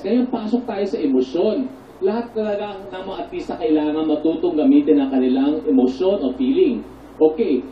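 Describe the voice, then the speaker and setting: On a TV show, a male theater actor patiently teaches voice and breathing exercises, now and then breaking into loud demonstration shouts. His voice is high, and the audio is dull with slight background noise. The studio, which has a live audience, is echoey and the mic sits some distance away.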